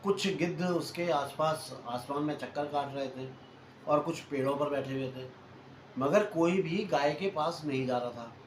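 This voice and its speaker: Guy telling an old hunting story like chatting with friends, kinda high voice, keeps rephrasing stuff, roomy echo. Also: a little slow. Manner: chatty, repeats and rephrases points, addresses listeners as friends. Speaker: storyteller host. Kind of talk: casual spoken retelling of a hunting story. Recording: echoey room with faint noise.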